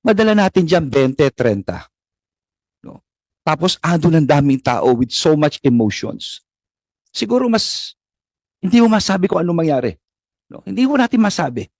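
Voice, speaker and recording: Isang lalaking opisyal ng gobyerno na mahinahon at mapagpakumbabang nagpapaliwanag sa isang pagdinig. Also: male voice, fairly high pitch, sing-song, a little mellow, no room sound. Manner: measured, conciliatory, explaining. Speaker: government official answering questions. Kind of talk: formal hearing testimony. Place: hearing room.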